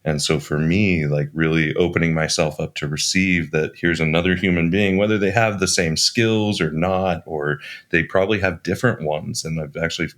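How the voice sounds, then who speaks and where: A man talking as a podcast guest, a bodyworker who explains his craft in a calm, reflective way. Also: sits low, normal speed, hardly any pauses. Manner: calm, reflective, laughs easily. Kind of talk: casual conversation.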